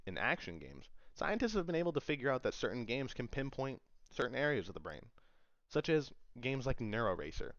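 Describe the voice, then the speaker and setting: A young adult man delivers an informal talk to an audience, keeping it conversational and emphatic and repeating phrases for stress. His medium-pitched voice is a little bright, captured with no echo and lo-fi sound quality.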